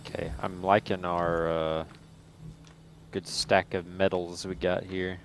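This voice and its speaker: A man's voice: deep voice, level tone, takes it slowly, a little hiss or hum. A man chatting casually while playing a game with a friend, laid-back and a little hesitant. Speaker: co-player. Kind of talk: casual gameplay chat.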